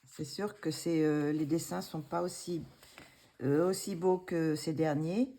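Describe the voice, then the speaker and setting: A woman casually showing her coloring books, hesitant with many fillers and restarts, gently self-deprecating. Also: sits low, steady tone, a little slow. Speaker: coloring book vlogger.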